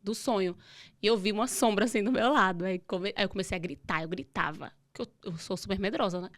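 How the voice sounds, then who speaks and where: A young woman, a podcast guest telling a long personal story in a casual, animated way. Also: mid-range voice, fast. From Brazil. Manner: animated, acts out dialogue in her retelling.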